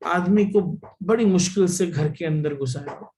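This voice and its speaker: A man giving a spiritual discourse, telling a parable slowly and deliberately and repeating phrases for emphasis. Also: high-pitched, warm tone, a little hiss or hum, poor audio. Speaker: spiritual teacher.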